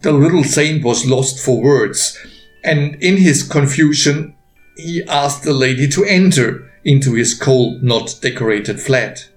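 As an author reading his own work, a man narrates a written story deliberately and expressively, taking pauses. His voice is mid-range. The recording has a roomy echo with faint music behind it.

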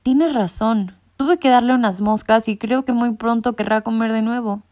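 A woman's voice: fairly high pitch, normal speed, darkish tone, lightly acted. A woman voicing a big male tomcat who speaks in a dry, ironic way. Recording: muffled lo-fi recording.

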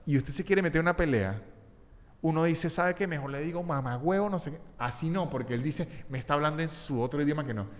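A man's voice: fairly high pitch, fast. A man, hosting a casual podcast chat and acting out the dialogue in his stories. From Venezuela, Andes region. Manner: animated storyteller, acts out quoted dialogue. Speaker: podcast host. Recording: reverberant room.

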